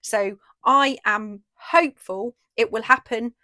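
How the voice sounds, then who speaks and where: Woman crafter from the UK, casual vlog, bit hoarse, slightly high, dry close sound. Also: takes it slowly, bright, forceful tone, dry recording. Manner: chatty, enthusiastic, frequent ooh and fillers. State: losing her voice. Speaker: craft shop owner and vlogger. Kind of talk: casual video update and unboxing.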